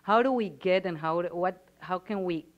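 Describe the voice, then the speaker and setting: The audio is dull as a Venezuelan woman in the audience, her voice on the low side and her pace moderate, works step by step toward a long, earnest question for the panel.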